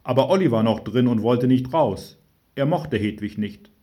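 A man's voice: medium pitch, lively intonation, normal speed, warm tone, natural voice. A man voicing a cheeky, unruly boy who blurts out remarks.

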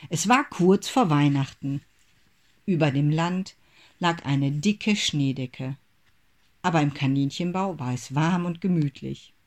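Measured storybook narrator. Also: mid-range voice. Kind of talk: storybook reading.

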